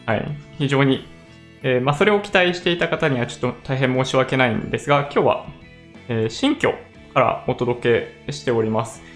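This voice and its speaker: A man's voice: medium pitch, moderate pace, faint music behind. A man chatting casually to camera in a newly moved-in empty room, his voice echoing off bare walls into a condenser mic. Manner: relaxed, chatty, often laughing. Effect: echoey bare room. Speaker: vlogger. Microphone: condenser mic on a stand.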